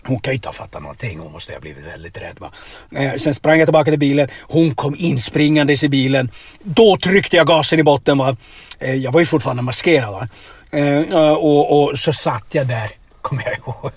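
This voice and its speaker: A man telling absurd stories in a deadpan, rambling way inside a car, tagging his lines with questions. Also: medium pitch, breathy edge, dry recording. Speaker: comedic storyteller. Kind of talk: deadpan absurd comedy chat.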